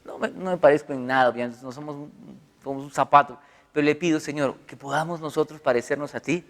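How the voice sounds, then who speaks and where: Middle-aged male pastor, conversational sermon, slightly high voice, long hall reverb. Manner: conversational, animated storytelling with acted quotes.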